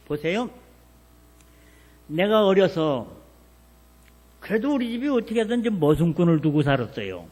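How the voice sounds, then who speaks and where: An older pastor, preaching a revival sermon in a folksy storytelling way, asking the congregation questions. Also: male voice, high-pitched, darkish tone.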